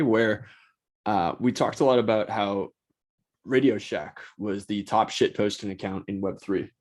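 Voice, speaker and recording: Blunt, profane man hosting a talk. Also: on the low side. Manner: blunt, profane, rambling with restarts. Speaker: host. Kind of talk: casual solo talk.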